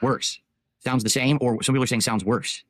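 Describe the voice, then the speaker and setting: A man's voice: mid-range voice, steady tone. A man live-streaming while testing his microphone, talking through a noise removal filter that makes his voice sound fuzzy. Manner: rapid, explains settings step by step. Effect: noise removal filter making the voice sound fuzzy. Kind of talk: casual live-stream chat. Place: home room with a ceiling fan. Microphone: desk mic very close to his mouth.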